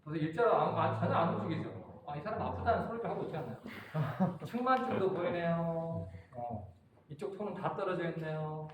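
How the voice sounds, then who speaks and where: A man's voice: fairly high pitch, animated, fairly quick, a crowd in the background. A man instructor leading a hands-on workshop demonstration, directing and coaching volunteers. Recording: very echoey room, faint room noise.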